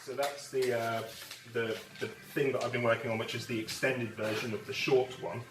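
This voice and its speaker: A man's voice: medium pitch, level tone, normal speed, recorded from a distance, background noise. A young man performing magic, talking chattily to his audience with frequent laughs and fillers, recorded from afar in a roomy space with faint music. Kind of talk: live magic performance patter.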